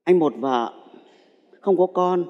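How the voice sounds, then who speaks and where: A man's voice: high voice, slow, long reverb tail, muffled recording. A man, playing a boastful, flirty suitor in his sixties in a stage comedy sketch. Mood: chatty. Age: 60s. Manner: cheeky, suggestive banter. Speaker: comic actor.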